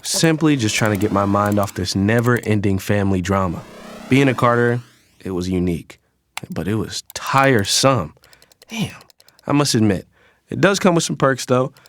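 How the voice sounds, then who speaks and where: A young adult actor narrates an audio drama in the first person as the disgruntled son of a troubled wealthy family, sounding weary and reflective. His lowish, fairly bright voice is animated and moves at a normal speed, casual and full of slang.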